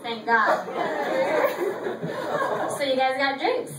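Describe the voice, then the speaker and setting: Speaking slowly in a high voice over a loud crowd, a thirty-year-old comedian delivers a self-deprecating, confessional set and curses without restraint. It's a small theatre stage filled with laughter, and the distant recording is echoey and noisy.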